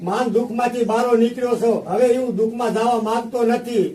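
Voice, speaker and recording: A man's voice: very high-pitched, flat delivery, quick pace, mellow, reverberant, poor audio. A man playing a put-upon young village lad in a comedy skit, with a plaintive, pleading way of speaking. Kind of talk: amateur comedy film acting.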